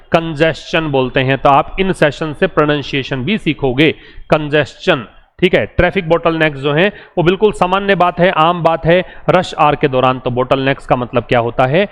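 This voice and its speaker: Indian man drilling English vocabulary synonyms. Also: a little high. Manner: lists synonyms in drilled repetition, slowing for English example sentences. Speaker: English teacher. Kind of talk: vocabulary lesson.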